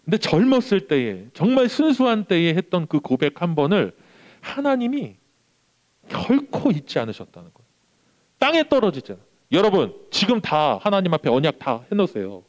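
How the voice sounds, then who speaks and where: Young male pastor, sermon delivery, lively storyteller, slightly high voice that swings widely. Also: normal speed. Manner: animated storytelling, acts out quoted voices.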